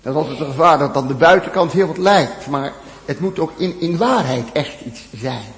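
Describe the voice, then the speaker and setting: High-voiced preacher in a reverberant hall. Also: male voice, animated, normal speed. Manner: emphatic preaching, repeats phrases, sudden loud peaks and near-whispered drops. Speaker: pastor. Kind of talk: sermon.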